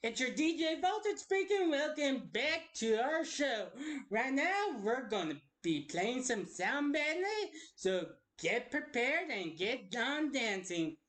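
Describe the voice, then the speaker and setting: A woman's voice: high-pitched, very animated, takes it slowly, fairly bright tone, exaggerated voice. A woman playing an upbeat radio DJ with an announcer-like delivery. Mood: hype. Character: hyped radio DJ.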